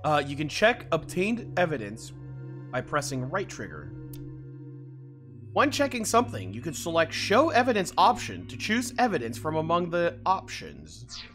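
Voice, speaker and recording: With video game music playing behind the voice, a streamer offers casual, playful commentary on a game, reading its text aloud and muttering along. The medium-pitched voice moves at normal speed, animated and full of playful exclamations.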